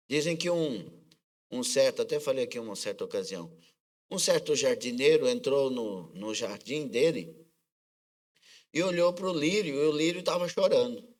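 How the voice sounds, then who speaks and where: A man with a Brazilian accent preaching a sermon as pastor, often asking the congregation questions and calling for their responses. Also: medium pitch. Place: church service.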